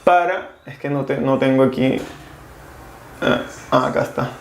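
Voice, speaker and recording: A man's voice: mid-range voice, fairly even intonation, measured pace, creaky, reverberant, background noise. A man teaching a casual video lesson, explaining grammar rules step by step and spelling out letters. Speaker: French teacher.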